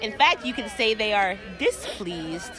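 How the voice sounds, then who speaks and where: A woman's voice: mid-range voice, very animated, measured pace, music in the background. A woman doing playful, teasing color commentary at an outdoor game. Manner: playful teasing, laughs often. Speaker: sports commentator. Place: outdoors at a sports field. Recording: loud outdoor crowd. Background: crowd noise.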